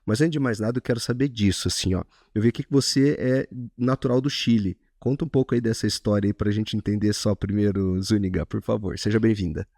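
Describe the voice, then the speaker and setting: Brazilian-accented guy hosting a podcast, gravelly voice, chill questions, dry studio sound. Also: fairly low pitch, a little fast, hardly any pauses, mellow, no room sound. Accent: Brazilian Portuguese, Curitiba. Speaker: podcast host. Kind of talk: podcast interview.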